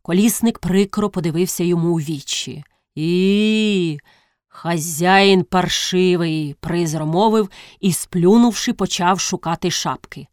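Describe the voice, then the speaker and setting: A woman narrating a classic story as an audiobook reader, in a lively, expressive reading. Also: lowish voice, normal speed, few pauses, dry recording. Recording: dry studio sound.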